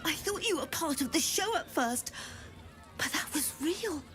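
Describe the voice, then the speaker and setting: A woman's voice: very high-pitched, expressive, a little slow, noisy background. An actress playing a shaken circus woman who survived an attack, in a video game. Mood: relieved.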